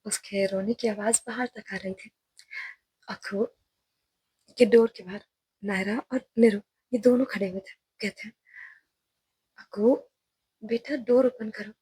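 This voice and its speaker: A woman's voice: medium pitch, fairly even intonation, unhurried, long pauses, warm tone, breathy edge, no echo, low-quality recording. A woman narrating a romance story in a chatty, conversational way, adding her own comments on the characters.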